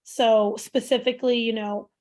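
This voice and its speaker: Woman ref talking straight on a video call, higher voice, stops and restarts a lot. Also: little pitch movement, a little mellow. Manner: frank and blunt, with pauses and restarts. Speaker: rugby referee in a focus group. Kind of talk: casual discussion.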